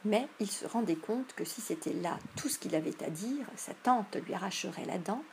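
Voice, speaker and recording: A woman's voice: mid-range voice, creaky, background noise. Woman reading a storybook aloud. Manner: measured, expressive storytelling. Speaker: narrator. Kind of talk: audiobook reading.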